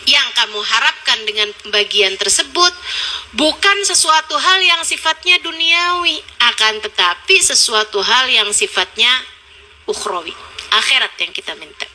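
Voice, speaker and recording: High bright-voiced woman preaching. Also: moderate pace. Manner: animated, acts out quotes, switches tone often. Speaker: Islamic preacher. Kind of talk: lively sermon to a women's study group.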